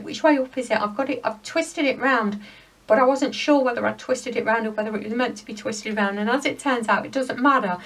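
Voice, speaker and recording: A woman giving a spiritual pick-a-card rune reading, speaking in a gentle, rambling, heartfelt way. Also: on the high side, distant mic, rough recording.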